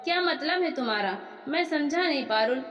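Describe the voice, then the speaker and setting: A stern young husband who answers in a hurt, reproachful way, voiced by a woman storyteller. The voice is high. It carries a long room reverb. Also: animated, moderate pace, a bit bright, soft background music. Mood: calm.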